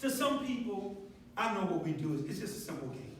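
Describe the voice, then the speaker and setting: A man pitching a product to a live audience in an emphatic, preacher-like way, asking the crowd questions. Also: sing-song, brisk. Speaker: speaker presenting a product to an audience. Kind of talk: preacher-like sales talk with call and response. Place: meeting room with a live audience. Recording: echoey noisy room from far off.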